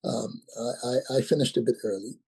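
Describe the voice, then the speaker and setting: A Nigerian man of about sixty, a company founder, answers as a guest in a relaxed, casual interview. His husky, mellow voice is medium in pitch and fairly quick, and he hesitates often, with many ums, stopping and restarting phrases.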